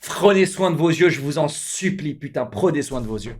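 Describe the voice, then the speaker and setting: A young man, a streamer telling a story casually to his live chat, animated and repetitive, often calling out to the viewers. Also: a little high, normal speed. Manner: animated, repeats himself, addresses viewers as guys.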